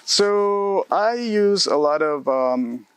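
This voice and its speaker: A man's voice: high-pitched, lively intonation, slow, smooth. A man from Ecuador in his thirties, a postdoctoral researcher answering interview questions in a friendly way with many fillers and restarts. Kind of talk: casual interview.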